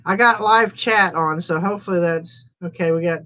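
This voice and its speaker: A woman with a fairly low, slightly bright voice hosts a casual live-stream auction, chatty and laughing often with a slow, drawn-out delivery. The audio is dull lo-fi livestream sound.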